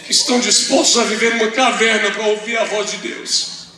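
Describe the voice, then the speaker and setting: High, bright-voiced man preaching in an echoey hall. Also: fairly even intonation, a little fast, recorded from a distance, a crowd in the background. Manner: impassioned preaching, swinging between shouted emphasis and hushed asides. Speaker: interpreter for a visiting preacher. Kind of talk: interpreted sermon. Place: large auditorium.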